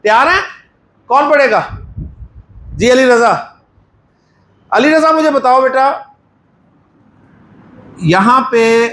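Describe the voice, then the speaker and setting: A man's voice: very high-pitched, slow pace, long pauses, fairly bright tone, reverberant. A male teacher with a Pakistani Urdu accent giving a Quran Arabic lesson in a mosque class, patiently quizzing students and praising their answers.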